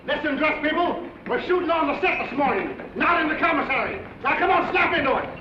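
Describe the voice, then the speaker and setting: A man's voice: medium pitch, very animated, unhurried, noisy background. An actor playing an impatient male film director who barks orders, in a 1930s film. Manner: bossy, barking. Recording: dull 1930s film soundtrack, far.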